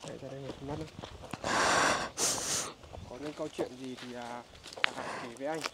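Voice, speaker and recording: Halting man outdoors. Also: mid-range voice, fairly even intonation, very noisy. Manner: halting, full of filler sounds. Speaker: vlogger visiting a poor family. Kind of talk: casual on-location interview. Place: outdoors in a rural village.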